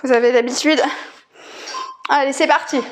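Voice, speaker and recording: High-pitched, energetic woman coaching a workout. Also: moderate pace. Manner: energetic, encouraging, exclaiming short commands. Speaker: fitness coach. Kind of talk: home workout instruction, calling out exercises and counts.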